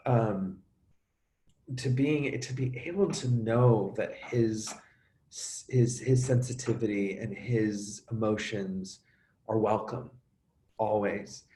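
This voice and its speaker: Animated man in an echoey room. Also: on the low side. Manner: animated, halting, many restarts and acted-out sounds. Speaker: actor and coach, interview guest. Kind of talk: emotional conversational interview.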